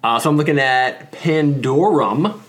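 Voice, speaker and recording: A man's voice: on the high side, a little slow, a bit bright. Candid man rambling about a game. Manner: candid, laughing, clears throat. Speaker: podcast co-host. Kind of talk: casual board game chat.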